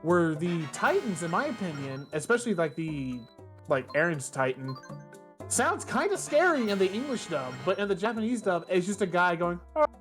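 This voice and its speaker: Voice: mid-range voice, sing-song, moderate pace, a bit bright. A blunt, opinionated streamer who swears often while chatting casually on a gaming stream. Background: game music.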